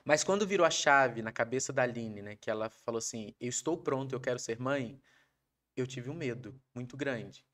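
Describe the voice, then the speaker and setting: A Brazilian man, a podcast guest, telling a personal story in a casual, animated way, acting out his wife's lines. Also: medium pitch, moderate pace. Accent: Brazilian Portuguese. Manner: animated, acts out quoted voices of his wife.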